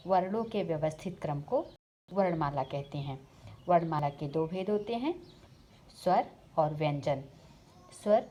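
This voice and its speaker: A woman with a fairly low voice teaches a grammar lesson at a measured pace, repeating each definition. Her pitch jumps up on new headings and questions. Faint room noise sits under the recording. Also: dark tone. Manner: slow, deliberate, repeats definitions. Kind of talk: slide-based grammar lesson.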